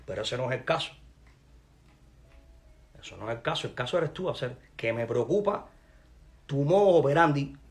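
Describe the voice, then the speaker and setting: A man's voice: medium pitch, expressive, moderate pace, long pauses. A man with a Cuban accent, a musician, delivering a combative, mocking rant to the camera in crude street slang. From Cuba.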